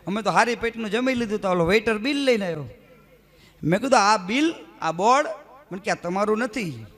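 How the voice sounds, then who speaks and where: A man's voice: brisk, big-room sound. A man doing live stand-up, telling jokes and acting out the dialogue with big jumps in his voice. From Gujarat. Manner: animated storyteller acting out dialogue with jumping pitch. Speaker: stand-up comic. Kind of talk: live folk stand-up storytelling.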